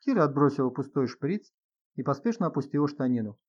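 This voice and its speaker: A man narrating a crime novel as an audiobook in a steady, even storytelling manner. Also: mid-range voice, quick pace, husky, dull audio. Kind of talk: scripted narration.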